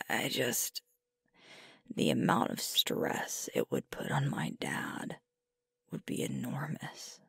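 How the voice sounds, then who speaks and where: An ASMR performer voices a sweet, sleepy alpha werewolf girlfriend in an intimate roleplay, murmuring softly and unhurriedly right up to the mic. Her very deep voice is breathy and husky with creaky fry, fully in character, recorded dry with no room sound, in a whispered, soft-spoken style.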